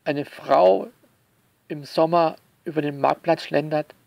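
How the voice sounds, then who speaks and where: An author comments on his own novel in a sarcastic spoken essay to listeners, speaking slowly in a fairly high, creaky, slightly mellow voice recorded close and dry. His tone stays steady while he delivers theatrical sarcasm and mock indignation, drawing out key words for emphasis.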